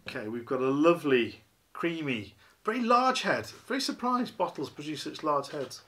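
A man's voice: on the high side, expressive, normal speed, sharp tone, a little hiss or hum. A chatty man in his fifties. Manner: chatty, rambling, self-deprecating, many ums and you-knows. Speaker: beer reviewer. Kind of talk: casual beer review to camera. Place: small living room, indoors, seated at a table.

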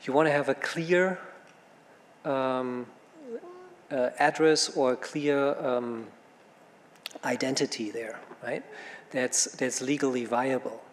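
A man's voice: mid-range voice, steady tone, slow, pauses often. A man answering questions on a conference panel, thinking aloud with many fillers and restarts. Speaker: panel speaker. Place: conference room. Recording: hall reverb with faint room noise.

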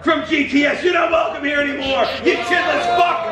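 A young man shouting a blustering wrestling promo with heel bravado in an indoor wrestling warehouse. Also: very high voice, steady tone, fairly quick. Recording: echoey warehouse, loud crowd and noise.

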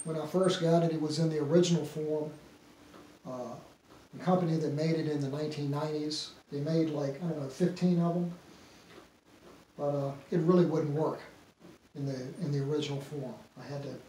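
A middle-aged man giving a casual hands-on demonstration, muttering to himself in an unhurried way as he works. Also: a little high, steady tone, mellow. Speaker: phonograph demonstrator. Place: small indoor room full of antique phonographs. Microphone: distant camera microphone. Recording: very echoey room, distant mic, faint noise.

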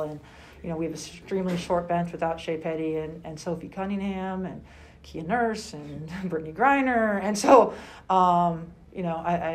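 A woman in her forties, a basketball head coach answering questions at a postgame press conference, speaking in a measured, halting way with many fillers. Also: deep voice, a little mellow, slight background noise. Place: small room indoors at a table.

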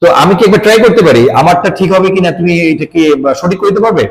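A man with a Bangladeshi accent teaches English letters to a young student. His voice sits a little high for a man. He switches between English and Bengali and plays up his own mistakes in a teasing way. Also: lively intonation, very fast, gravelly, low-quality recording. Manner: mixes English and Bengali, playfully feigns mistakes. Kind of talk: playful classroom lesson with a student.

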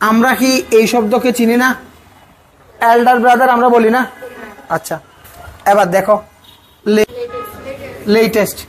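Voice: medium pitch, a little hiss or hum. A teacher giving an exam coaching grammar lecture, often asking the class questions and then answering them. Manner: casual, speaks to students as "tumi".

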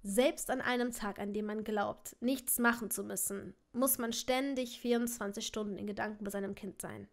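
A woman reading aloud, voicing a tired, brooding young father in a low, hushed voice with whispered turns. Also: fairly even intonation, normal speed, hardly any pauses, lightly acted. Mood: troubled.

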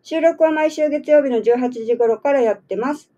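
A woman's voice: high-pitched, normal speed, mellow, muffled recording. A woman hosting a community radio show in casual chat, a little nasal from a cold, laughing and teasing. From Okinawa, Japan. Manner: chatty, laughs often, teasing questions. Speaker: radio host.

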